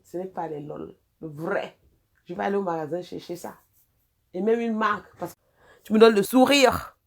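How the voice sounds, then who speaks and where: A woman with a Cameroonian French accent chatting casually as a vlogger, animated and teasing, with sing-song repetition. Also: mid-range voice, normal speed, gravelly. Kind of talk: casual chat.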